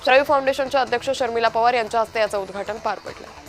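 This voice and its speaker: A woman reading a fast news bulletin as anchor, in a brisk, even headline delivery. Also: fairly high pitch, over loud music. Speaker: news reader.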